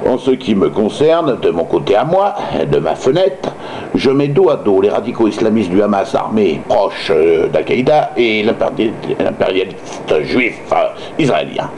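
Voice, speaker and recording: A man's voice: lowish voice, big pitch swings, normal speed, a little mellow, slight background noise. A man reading news like an amateur radio host, stumbling and hesitating, with sardonic personal asides.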